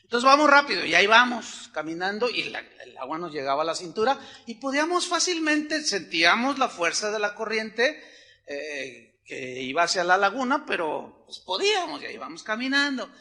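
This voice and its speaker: A man's voice: high voice, big pitch swings, normal speed, bright, forceful tone. A middle-aged man with a Mexican Spanish accent, preaching a sermon as a pastor in a conversational storytelling way, acting out the voices of other people.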